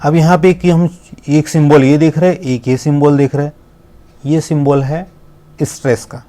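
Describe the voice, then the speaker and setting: A man giving a spoken lesson on English pronunciation, explaining in Hindi with English words mixed in and slowly spelling out sounds. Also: a little high, flat delivery, dark tone. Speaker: English teacher. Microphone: laptop screen recording.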